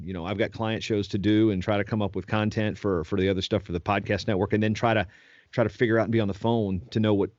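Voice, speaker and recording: In a relaxed podcast interview, a man from Virginia in his forties rambles through long stories, often starting over. His voice is on the low side with a darkish tone, and the dull lo-fi recording has no room sound.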